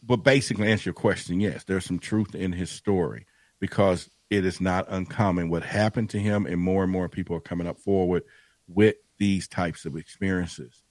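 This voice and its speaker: Talkative deep-voiced man in his fifties. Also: fairly even intonation, moderate pace, no echo. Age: 50s. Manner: rambling, talkative, self-deprecating. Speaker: podcast guest. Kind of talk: casual podcast chat.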